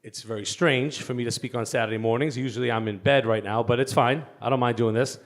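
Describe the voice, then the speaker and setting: A man's voice: medium pitch, fairly even intonation, fast talker. A man with a Boston accent giving a joking, audience-teasing talk at a conference. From Boston area. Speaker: conference speaker. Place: conference hall.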